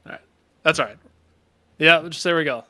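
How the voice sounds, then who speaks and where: A man's voice: fairly high pitch, fairly quick, bright, forceful tone. A man giving casual live-stream commentary while playing, chatting with his viewers between attempts. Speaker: gaming streamer.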